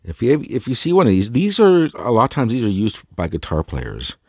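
A man's voice: mid-range voice, wildly swooping pitch, fairly quick, darkish tone, slightly rough, no room sound, studio quality. A man with a congested, head-cold voice chatting casually to camera as he hosts a hi-fi gear tour, rambling and enthusiastic. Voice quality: stuffed-up, congested. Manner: rambling, enthusiastic, self-deprecating. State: has a cold. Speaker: host of a hi-fi audio gear tour video.

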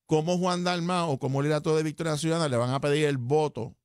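A man's voice: fairly high pitch, fairly even intonation, quick pace, clean tone, no room sound, studio quality. An older man giving emphatic political analysis on a radio show. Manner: emphatic, argumentative, rising when stressing points. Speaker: political commentator. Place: radio studio. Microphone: studio mic.

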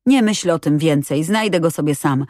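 A woman's voice: low voice, normal speed, darkish tone, no echo, clean studio sound, natural voice. A woman reading an audiobook, voicing a proud, defiant street boy.

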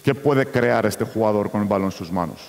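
A man running a basketball coaching clinic, talking in halting phrases with frequent restarts. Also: fairly low pitch, vocal fry, darkish tone. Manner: broken, halting delivery with many restarts. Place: large indoor sports arena. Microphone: far camera. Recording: echoey sports hall, from far off.

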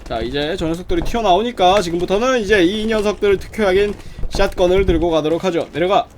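A man with a high voice talks through a game walkthrough, grumbling at stuck doors and muttering his own gun noises. Game gunfire rattles clearly behind his voice. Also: fast talker, a little hiss or hum. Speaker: gaming channel host. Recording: loud game gunfire under the voice.

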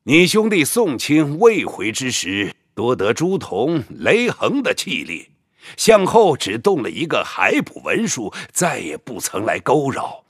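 An actor playing an elderly village patriarch who dotes on his sons, speaking slowly in a fatherly, pleading way. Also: medium pitch, huge pitch swings, slightly rough, dry recording, clean studio sound, exaggerated voice. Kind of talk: audio drama acting.

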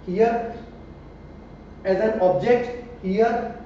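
A man's voice: high voice, fairly even intonation, extremely slow, warm tone. A man teaching a school grammar lesson, repeating example sentences and asking the class questions. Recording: echoey room, distant mic, dull with faint noise.

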